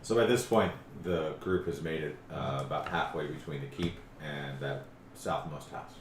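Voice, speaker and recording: A man's voice: extremely low pitch, moderate pace. A man running a tabletop game as game master, narrating casually. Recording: echoey room, faint background noise.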